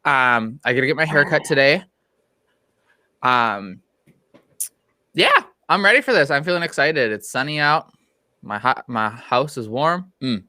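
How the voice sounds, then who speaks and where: Therapist co-host, bright voice, playful, upbeat, lots of ums. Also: medium pitch, very animated, unhurried, pauses often, dry recording. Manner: upbeat, playful, filler-heavy. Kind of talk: casual podcast chat.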